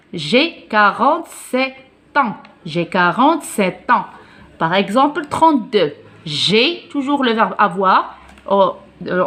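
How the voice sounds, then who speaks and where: A Moroccan woman teaching a beginners' French lesson, a native Arabic speaker with a Moroccan accent, patiently repeating examples and often checking for understanding. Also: medium pitch.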